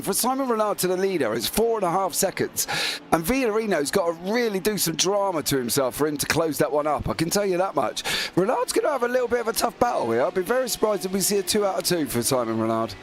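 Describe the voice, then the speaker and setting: A man's voice: high voice, a little hiss or hum. Chatty joking male co-commentator. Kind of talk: motorsport commentary.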